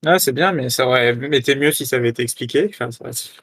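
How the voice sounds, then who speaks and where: A man co-hosting a casual podcast chat, calm and low-key with a deadpan manner. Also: racing, no echo, clean studio sound. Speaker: podcast co-host.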